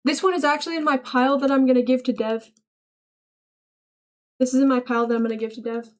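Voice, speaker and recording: Young woman streamer, high voice, reads chat out loud and riffs on it all deadpan and silly. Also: fast. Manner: playful, reads chat aloud and answers it with mock-serious bits. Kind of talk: casual livestream chat.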